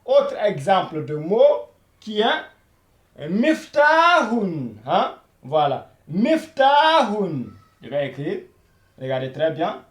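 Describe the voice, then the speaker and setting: A man teaching a beginners' Arabic video lesson, repeating each word slowly and saying "voilà" and "hein" all the time. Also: a little high, very animated, echoey room. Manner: slow and repetitive, repeating each word many times; says "voilà" and "hein" constantly.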